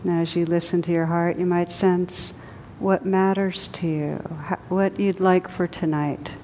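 This meditation teacher guides a group in a fairly low voice that barely moves in pitch. She takes her time, speaking softly and letting long silences fall between phrases. A low rumble and obvious background noise run through the low-quality audio.

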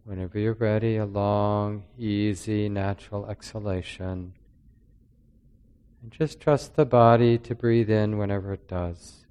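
A man leading a guided breathing meditation in a slow, soft-spoken, calming way. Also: lowish voice, clear, resonant tone. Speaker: meditation teacher.

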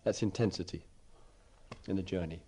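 A man's voice: deep voice, steady tone, normal speed, dark tone, breathy edge. A man giving a dharma talk as a meditation teacher, reflective, often repeating phrases as he searches for words.

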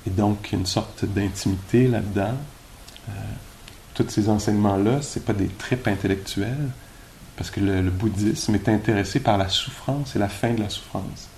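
A man's voice: fairly low pitch, normal speed, a little mellow, slight background noise. A man with a Québécois accent giving an informal, conversational dharma talk at a meditation retreat, musing aloud with rhetorical questions. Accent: Québécois French. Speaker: meditation teacher.

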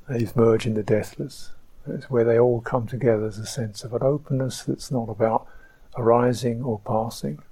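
A man giving a slow, reflective dharma talk as a meditation teacher on a retreat, pausing often. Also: mid-range voice, fairly even intonation, breathy edge, poor audio. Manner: slow, reflective, soft-spoken with pauses. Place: retreat centre hall.

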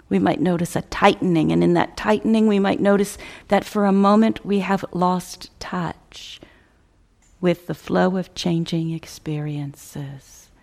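A woman guides a meditation in a slow, contemplative manner, with pauses between brief phrases and gentle trailing endings. Her voice is fairly low and creaky.

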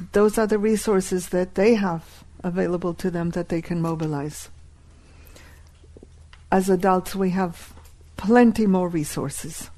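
Teaching a live workshop, this native Hebrew speaker makes a point of repeating key phrases. She has a mid-range, dark-toned voice.

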